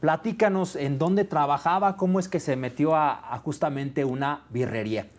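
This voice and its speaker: A TV host, a man with a voice a little higher than average. He asks his guest friendly questions and adds short "Ok" replies while the guest talks. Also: moderate pace. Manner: brief listener responses, friendly questions. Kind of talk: interviewer asking questions.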